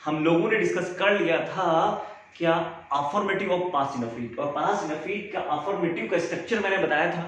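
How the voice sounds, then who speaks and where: High-voiced male teacher in echoey room. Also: normal speed, a bit bright. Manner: explains by repeating and asking questions. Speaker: English teacher. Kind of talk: classroom grammar lesson. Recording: very echoey room, faint background noise.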